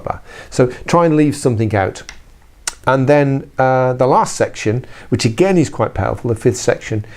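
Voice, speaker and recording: With a darkish tone at medium pitch, a middle-aged British man gives informal instruction in his video blog as a trainer. The talk is chatty, with self-corrections and wry asides thrown in.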